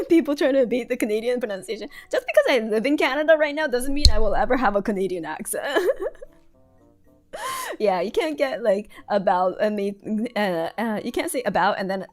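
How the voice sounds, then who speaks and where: Giggly woman with a lively voice. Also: a little high, normal speed, faint music behind. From United States. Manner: giggly, chatty, trails off and restarts. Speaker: streamer. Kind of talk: casual livestream chat while drawing.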